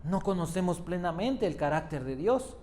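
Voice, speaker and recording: Predicador enfático que repite frases. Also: male voice, high-pitched, lively intonation, moderate pace, darkish tone, a little hiss or hum. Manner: emphatic, repeats phrases, quizzes the congregation. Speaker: preacher. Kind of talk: sermon.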